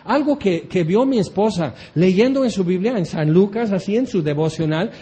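A man's voice: high-pitched, animated, moderate pace, dark tone. A man preaching a sermon, challenging his listeners with ironic rhetorical questions.

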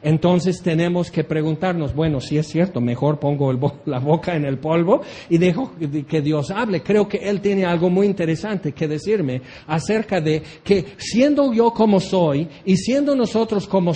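A male preacher delivers a sermon full of ironic, challenging questions. His voice sits high for a man and has a soft, mellow tone.

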